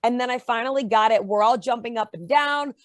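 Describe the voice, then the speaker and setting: A young woman guest in a casual interview, telling her story with lively pitch jumps when she acts out quotes. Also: a little fast, dry recording. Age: young adult. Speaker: interview guest, reality show contestant.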